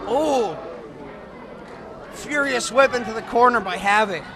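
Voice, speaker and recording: Male play-by-play wrestling announcer, very high-pitched, emphatic and excitable, working over a clearly audible crowd. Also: unhurried. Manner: excitable, emphatic calling of the action. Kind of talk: live sports commentary. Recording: loud crowd noise behind. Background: wrestling event crowd.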